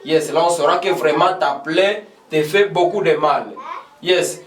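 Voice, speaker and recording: A man teaching English in a classroom, repeating example phrases slowly and switching between French and English. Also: on the high side. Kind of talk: classroom lesson at a board. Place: classroom with a board. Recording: echoey room, voice from far off.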